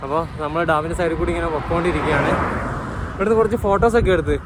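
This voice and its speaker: This is a fairly high-pitched man talking very fast: a Malayali cycle tourer casually narrating his ride and noting sights along the way. Wind and traffic noise run throughout the outdoor recording.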